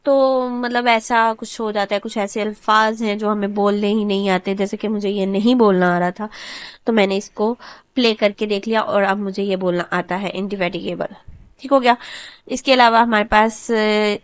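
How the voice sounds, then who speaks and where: A woman tutor patiently talking through a screen-recorded software lesson step by step. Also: mid-range voice, fairly even intonation, moderate pace, smooth, no echo. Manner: patient step-by-step explaining, often repeats "okay, done". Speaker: computer tutor.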